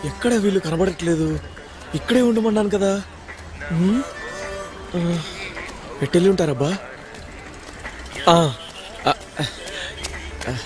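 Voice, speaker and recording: A man's voice: sits high, lively intonation, a little slow, long pauses. A man playing a fussy, emotional uncle in dubbed film dialogue. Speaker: uncle of the young couple. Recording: dubbed film audio with music behind.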